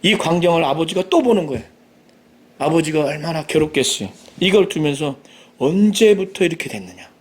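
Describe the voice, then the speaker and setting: A man's voice: a little high, lively intonation, brisk, slightly rough. A middle-aged male pastor preaching a sermon with passion, acting out the quoted voices of the people in the story. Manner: impassioned, acts out Jesus and the father in quoted lines.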